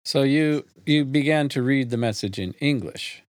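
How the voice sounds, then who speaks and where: A man hosting a podcast, introducing the show and asking a guest measured questions. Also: mid-range voice, no room sound. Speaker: podcast host and interviewer. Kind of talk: podcast interview.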